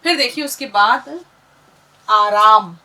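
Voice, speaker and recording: Female teacher, bright voice, slow and patient, drilling syllables, mic a bit distant. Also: a little high, animated. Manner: patient, drills syllables one by one and has listeners repeat. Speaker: Urdu teacher. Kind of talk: slow classroom lesson, spelling out sounds.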